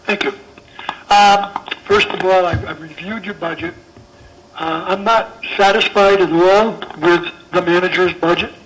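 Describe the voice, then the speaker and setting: A man's voice: high-pitched, steady tone, unhurried, fairly bright tone, slight background noise. A man calling in by phone to a town budget hearing to give public comment, speaking emphatically and repeating his points. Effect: call-in voice heard over the phone line.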